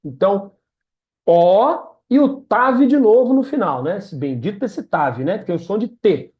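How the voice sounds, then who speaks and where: A woman's voice: mid-range voice, expressive, a little slow. A woman tutoring a student one-on-one in reading Hebrew, patient and encouraging, speaking over a video call. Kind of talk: one-on-one language lesson. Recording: dull lo-fi sound.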